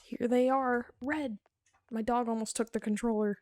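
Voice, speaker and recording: A woman's voice: fairly high pitch, steady tone, normal speed, darkish tone, no echo. A woman hosting a let's play, chatting casually and joking while she plays. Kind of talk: casual gameplay commentary.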